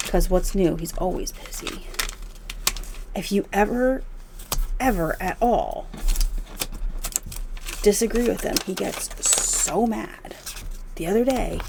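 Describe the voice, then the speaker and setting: A middle-aged woman chats at her craft desk at home, telling wry stories and acting out bits of dialogue. Her voice sits at an ordinary pitch, with faint noise and small clicks behind her. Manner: chatty, wry, quotes people in dialogue. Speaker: journaling vlogger. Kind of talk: casual chatty storytelling while crafting.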